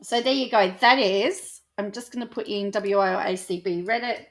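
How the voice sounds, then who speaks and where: A woman's voice: mid-range voice, normal speed. An Australian woman vlogger giving casual commentary, thinking aloud with fillers as she goes through posts.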